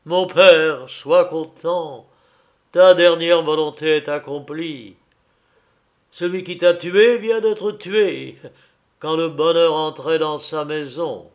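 A man's voice: a little high, animated, slow pace, vocal fry, lo-fi sound, heavily acted. A man voicing a feverish young son who speaks in emphatic, impassioned outbursts. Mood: exalted.

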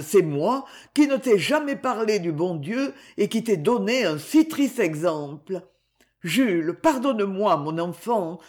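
A reader voicing a repentant, loving nobleman father in an audiobook, speaking fervently and slowly. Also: mid-range voice, a little mellow. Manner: fervent, emotional, slow. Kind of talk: audiobook character reading.

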